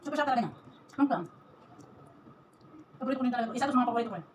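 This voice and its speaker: A woman's voice: on the high side, animated, racing, a little hiss or hum. A woman vlogger chatting casually while eating, talking with her mouth full. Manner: chatty, eats while talking, giggly asides. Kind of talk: casual mukbang vlog.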